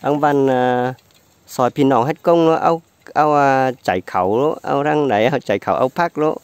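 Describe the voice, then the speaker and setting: A man's voice: mid-range voice, moderate pace, clean tone, no echo. A man, chatting casually as an interviewer. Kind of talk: casual chat with short acknowledgements. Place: outdoors on a village road.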